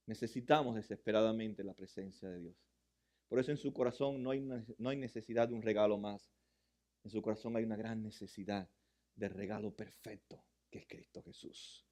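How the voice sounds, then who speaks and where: A male pastor preaches an impassioned sermon, repeating phrases for emphasis and swinging between loud, high passages and quiet, low ones.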